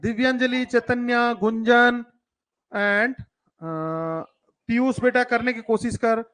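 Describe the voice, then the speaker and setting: A man's voice: extremely high pitch, slow, a bit bright. A man teaching children math in a live online class, coaxing and teasing his pupils and mixing English terms into his talk. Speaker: coaching teacher for school entrance exams.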